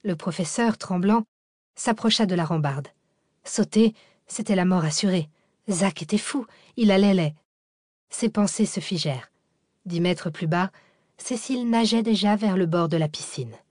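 A woman narrating an audiobook in an even, dramatic storytelling manner, on a close studio mic. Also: mid-range voice, moderate pace, no room sound. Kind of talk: scripted narration.

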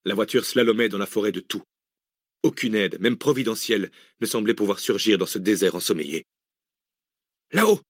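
Man, audiobook narrator, fairly low voice, measured, steady reading, dry close recording. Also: dry recording.

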